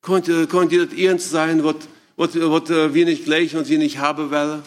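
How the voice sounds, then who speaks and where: A man with a slightly raised voice gives an informal talk to parents. He speaks haltingly, often restarting and searching for words. He keeps turning to his listeners with questions. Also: on the high side, little pitch movement.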